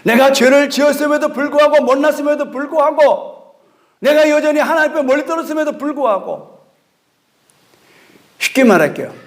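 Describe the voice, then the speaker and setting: High-voiced, gravelly Korean pastor preaching. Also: male voice, fairly quick, pauses often. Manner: storytelling with acted dialogue and repeated address to the congregation. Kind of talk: sermon. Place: church sanctuary.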